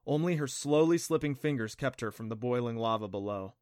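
A man narrating an adventure novel audiobook in a steady, even reading. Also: medium pitch, brisk, smooth, no echo, studio quality. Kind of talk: scripted narration.

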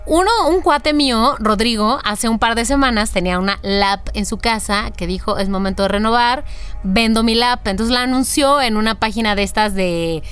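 A woman's voice: fairly high pitch, moderate pace, a bit bright, clean tone, faint music behind. A woman with a Mexican accent who co-hosts a casual chat and talks in a playful, slangy way.

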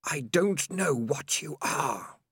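A man voicing a malevolent, hissing creature that speaks into the mind, slow and drawn out. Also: a little high, lively intonation, a bit bright, husky, no room sound, studio quality, voice pushed up, full character voice. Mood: menacing. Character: hissing malevolent many-minded rat creature voice.

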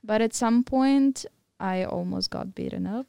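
A young adult podcast guest of Mongolian-German heritage, now living in Thailand, talks openly about her story in a casual, filler-heavy way. She speaks at medium pitch and a measured pace with a creaky, warm voice, and the recording has no room sound.

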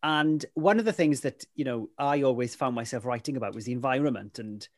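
This weather presenter speaks Welsh as his first language and carries a Welsh accent as he looks back on his career in a casual interview. His mid-range voice moves briskly, and the studio-quality recording is dry. His answers wander, packed with "you know" fillers.

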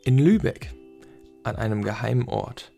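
A man's voice: mid-range voice, animated, a little slow, creaky, warm tone, soft background music. A man voicing a friendly young man who proudly confides a secret. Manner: confiding storyteller tone.

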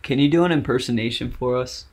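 A man's voice: mid-range voice, quick pace. A young man co-hosting a casual podcast, upbeat and full of playful questions. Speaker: podcast co-host.

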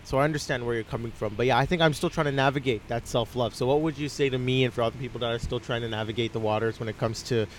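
A man with a mid-range voice runs casual street interviews, asking questions with many fillers and soft affirmations. Faint traffic noise sits behind him outdoors. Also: mid-range voice, racing, hardly any pauses.

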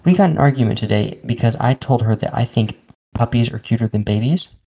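A man with a gravelly, husky voice chatting as a podcast guest, emphatic and self-mocking. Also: medium pitch, fast, mellow. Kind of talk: casual chat.

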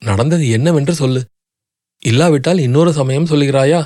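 A man voicing a composed royal princess who speaks in measured, soothing tones. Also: a little high, dry recording, studio quality, close to an everyday voice. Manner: soothing, measured, sometimes hushed. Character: composed royal elder princess, kindly but wary.

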